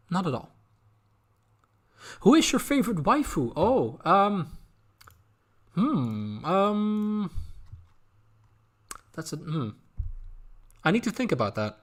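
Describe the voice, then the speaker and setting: A Dutch-accented man streams casually as an anime content creator, answering viewer questions haltingly and repeating words while he thinks aloud. His voice is a little high.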